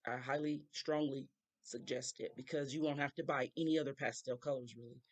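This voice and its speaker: Woman, nail tutorial host, hoarse and scratchy today; chatty, rambling voice-over. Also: extremely low pitch, fairly even intonation, a little fast. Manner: chatty, rambling asides to viewers.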